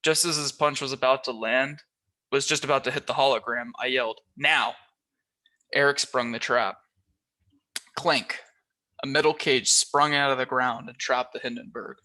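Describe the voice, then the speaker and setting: A man reading a children's novel aloud as a volunteer reader, telling the story lively and shifting his voice a little for the characters. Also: medium pitch, moderate pace.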